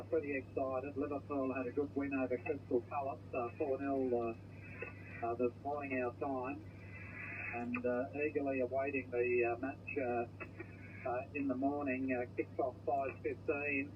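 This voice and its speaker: Australian man, very even pitch, measured hesitant speech, crackly muffled two-way radio. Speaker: amateur radio operator. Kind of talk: casual ham radio chat. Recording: muffled shortwave radio with static.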